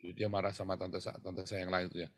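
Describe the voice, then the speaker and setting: Male pastor, husky, dry close sound, chatty sermon storyteller with sudden loud stresses. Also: low-pitched, completely flat delivery, quick pace, no room sound. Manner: conversational storytelling, swings from quiet to loud emphasis.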